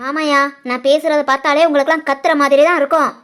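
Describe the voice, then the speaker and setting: A sarcastic, nagging middle-aged housewife from an animated family story, voiced by a woman. She speaks with a Tirunelveli Tamil accent and scolds at every turn. Her voice is piercingly high. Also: quick pace, soft background music.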